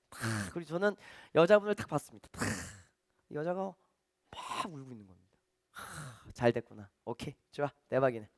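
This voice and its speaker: Animated male magician telling stories. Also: high voice, dry recording, studio quality. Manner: animated, acts out dialogue for the audience. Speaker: magician giving a talk. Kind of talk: stage lecture storytelling.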